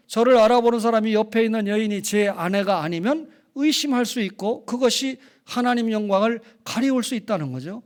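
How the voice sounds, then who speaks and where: A man's voice: sits high, clean tone. A male pastor giving a sermon in a conversational preaching manner, often asking the congregation questions. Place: church sanctuary.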